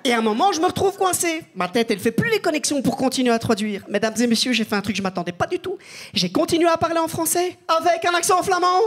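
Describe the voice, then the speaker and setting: A man's voice: very high-pitched, fast talker, a bit bright. A man with a light, not very masculine voice, doing a chatty, self-mocking stand-up set and talking to the crowd. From Belgium. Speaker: stand-up comedian. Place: comedy club stage with live audience. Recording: live club recording with crowd noise. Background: audience laughter.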